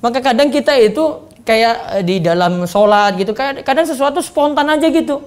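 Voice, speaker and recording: A man's voice: very high voice, moderate pace. A man gives a religious study lecture as a preacher, quizzing his listeners and acting out sample prayers. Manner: animated, quizzes the audience and acts out sample prayers. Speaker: Islamic preacher.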